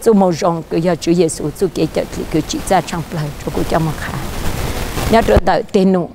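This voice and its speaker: A male pastor preaching a sermon outdoors by a riverside, his voice often jumping higher and louder for emphasis. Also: a little fast, vocal fry, background noise.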